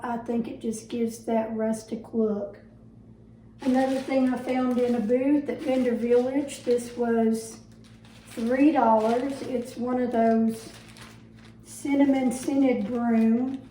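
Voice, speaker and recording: A woman's voice: fairly high pitch, mellow, a little hiss or hum, low-quality recording. A middle-aged woman chatting casually in a home vlog, homey and full of little fillers. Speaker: vlogger and booth reseller.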